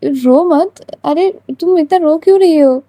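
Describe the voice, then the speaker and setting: A woman voicing a young woman who talks softly and hesitantly, pleading and a little sheepish. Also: sits high, unhurried, dry recording, voice pushed up. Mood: gentle. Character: young woman, playful then guilty.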